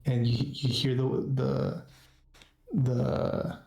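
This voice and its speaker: A man narrating a tabletop role-playing game as game master, halting and repeating phrases as he goes. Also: medium pitch, flat delivery, creaky, darkish tone. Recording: roomy echo, faint music behind.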